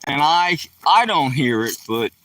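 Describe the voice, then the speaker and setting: Walking outdoors beside a rural lake, a middle-aged man from Philadelphia chats and rambles to his live-stream viewers, speaking to them directly in a Philadelphia accent. His voice is a little high, sing-song, unhurried and fairly bright. The handheld phone sits at a distance, so the audio is poor, though there's no echo.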